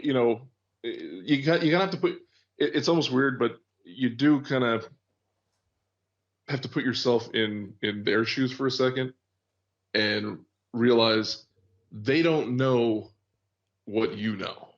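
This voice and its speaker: A man's voice: mid-range voice, measured pace, long pauses, dull audio. A man co-hosting a medical podcast, talking in a rambling, casual way with lots of fillers and swearing. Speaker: podcast host, paramedic.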